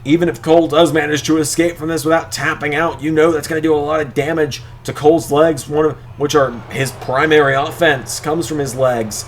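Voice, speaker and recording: A man doing play-by-play as a wrestling commentator, excitable, drawing out the calls of the moves. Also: on the high side, a little fast, hardly any pauses, a little hiss or hum. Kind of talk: wrestling commentary of a video game match.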